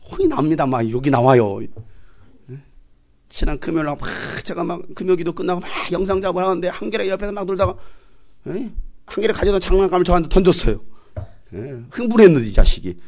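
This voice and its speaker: A middle-aged pastor preaching in a fairly high voice. He swings between loud, urgent exhortation and quiet, wry asides, acting out the voices he quotes. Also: lively intonation, quick pace. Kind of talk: sermon.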